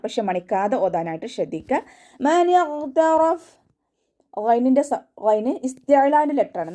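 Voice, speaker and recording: A woman teaching tajweed in an online class, giving patient step-by-step pronunciation instructions and then reciting each verse slowly, in a higher voice. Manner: patient, step-by-step instruction, often ending with a soft "tto".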